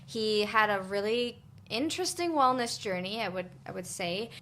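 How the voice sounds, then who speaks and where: A woman's voice: mid-range voice, expressive, normal speed, a bit bright. A young adult woman hosting a wellness podcast in a bubbly, chatty way, full of "like" and easy laughter. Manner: bubbly, laughs often, says "like" a lot. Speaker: podcast host. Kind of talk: casual podcast chat.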